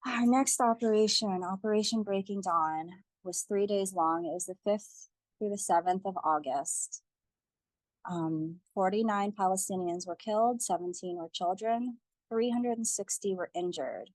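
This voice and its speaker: A woman's voice: medium pitch, unhurried, dry recording. A young woman giving a community teach-in presentation, speaking earnestly and steadily as she reads figures and a testimony aloud.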